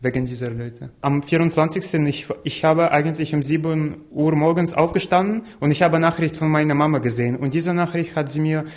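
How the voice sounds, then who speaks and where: A man of twenty-two, speaking earnestly and haltingly as an interview guest, with small slips in his grammar. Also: a little high, fairly bright tone. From Ukraine. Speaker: interview guest, law student. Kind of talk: personal interview talk.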